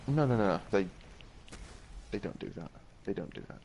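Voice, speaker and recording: A Scottish man chatting dryly and deadpan with a friend while they play a game. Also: deep voice, moderate pace, creaky, slight background noise. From Scotland. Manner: dry and deadpan. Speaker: co-player. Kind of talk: casual gaming chat.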